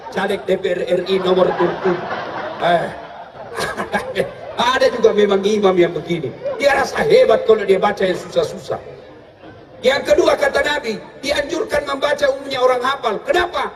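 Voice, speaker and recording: High-voiced man preaching with humor. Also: normal speed. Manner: lively storytelling, bursts into shouts for punchlines. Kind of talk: humorous sermon. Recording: echoey room, distant mic, crowd and noise.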